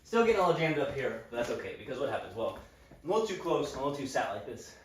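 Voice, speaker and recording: A man's voice: mid-range voice, sing-song, rapid-fire. A man coaching table tennis as he practices, thinking aloud and often checking in with "right?", slightly out of breath. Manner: explains while training, thinking aloud, many "right?" tags. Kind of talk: casual coaching talk during practice. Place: home room with table tennis robot. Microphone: camera mic from a distance. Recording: echoey room, distant mic, faint noise.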